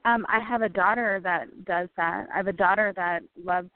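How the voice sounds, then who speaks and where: Middle-aged female caller, mid pitch, tentative conversational delivery, dull close dry audio. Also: moderate pace, dry recording. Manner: hesitant, unsure. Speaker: caller seeking guidance. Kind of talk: casual call-in conversation.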